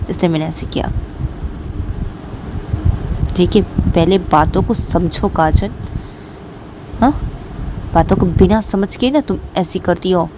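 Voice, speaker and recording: A woman's voice: on the low side, takes it slowly, pauses often, background noise. A woman voicing a pleading female college teacher who keeps coaxing her upset lover. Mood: explaining. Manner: coaxing, keeps asking "haan?".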